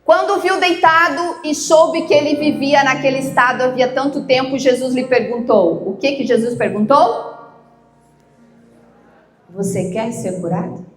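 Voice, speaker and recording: A woman pastor preaching a sermon, slow and emphatic, shifting between loud outbursts and hushed questions. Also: high voice. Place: church. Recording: echoey church with soft music. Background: soft instrumental music.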